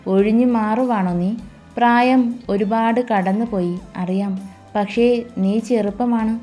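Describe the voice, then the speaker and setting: A woman's voice: mid-range voice, steady tone, unhurried, warm tone, soft background music, close to an everyday voice. A woman voicing a sly, scheming older man. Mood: coaxing. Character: scheming 50-year-old man, smooth and sly.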